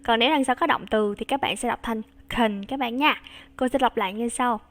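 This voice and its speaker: A young woman teaching English to children. She models short English phrases slowly and explains in Vietnamese, with warm encouragement. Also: fairly high pitch. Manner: slow, bright and encouraging with young learners.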